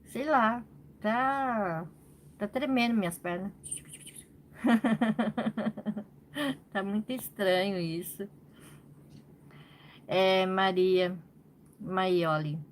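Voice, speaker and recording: Brazilian woman crochet host, unhurried live chat, faint room noise behind her. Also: mid-range voice. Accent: Brazilian Portuguese. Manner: venting, repeats phrases, frequent "né?". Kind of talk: casual live-stream chat.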